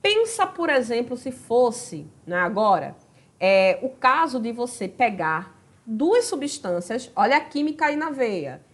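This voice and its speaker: A woman's voice: on the high side, sing-song, measured pace. A woman with a Brazilian Portuguese accent teaching a grammar lesson, talking straight to her students and checking in with them often. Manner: chatty, addresses students directly with tag questions. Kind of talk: recorded video lesson.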